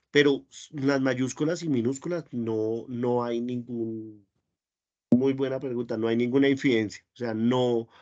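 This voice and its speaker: A man's voice: mid-range voice, dull audio. A man teaching a spreadsheet class online, patient and repetitive, often praising questions.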